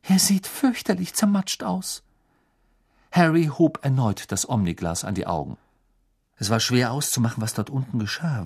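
Expressive male audiobook narrator. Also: medium pitch, slightly rough. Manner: expressive storytelling. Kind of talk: scripted narration.

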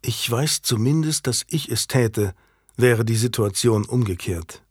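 A man playing a gruff medieval lord. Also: unhurried, no room sound, studio quality. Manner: curt and gruff, low and muttering. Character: guarded medieval lord, gruff husband, curt. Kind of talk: audiobook character reading.

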